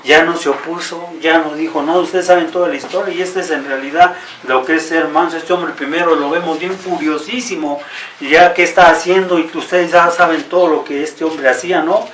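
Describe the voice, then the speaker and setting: A man preaching in a fairly high voice, talking to his congregation in a conversational way with frequent asides. He sounds a little far from the mic, in a roomy, echoing hall. A faint hiss of background noise sits under his words. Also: bright, forceful tone. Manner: conversational, often asks the congregation "¿no?" and "vean". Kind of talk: sermon. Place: church hall. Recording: echoey room, voice from a distance, faint background noise.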